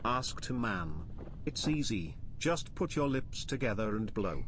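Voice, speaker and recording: A metallic, robotic text-to-speech voice of a man, reading viewer messages aloud. The delivery is flat and even, with the steady rhythm of a machine. A faint room ambience sits quietly behind it. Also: lowish voice, measured pace, slight background noise. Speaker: donation message reader.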